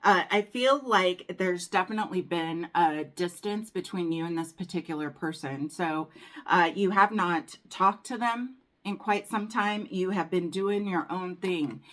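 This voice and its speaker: A woman reads tarot cards for her viewers in a casual, chatty way. Her voice sits a little low, and she often calls them darling. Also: a little slow, a bit bright. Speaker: tarot reader. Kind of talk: casual tarot reading to camera.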